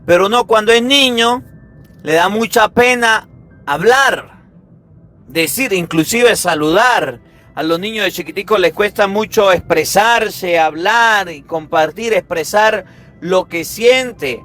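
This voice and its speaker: A man with a high voice preaching a Sunday sermon, lively and emphatic, throwing rhetorical questions at his listeners. Faint music plays behind him. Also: takes it slowly. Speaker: priest.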